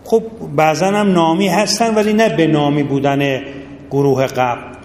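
A man's voice: a little high, steady tone, a little mellow. A middle-aged man teaching a seminary jurisprudence class, talking casually and addressing his students directly. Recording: echoey hall with long reverb, faint ambience.

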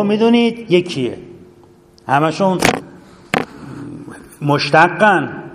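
A man teaching a class, lecturing in a lively way and often asking his students questions. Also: high voice, long reverb tail. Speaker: seminary teacher.

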